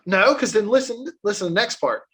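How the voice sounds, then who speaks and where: A man's voice: high-pitched, expressive, fast, fairly bright tone, husky. A man co-hosting a casual podcast, telling a story with swearing and laughter. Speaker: podcast co-host.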